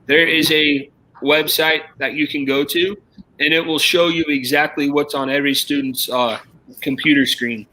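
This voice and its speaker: A man's voice: a little high, sharp tone, slight background noise, rough recording. A man who is a teacher, explaining online testing in casual chat on a live stream. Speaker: teacher guest.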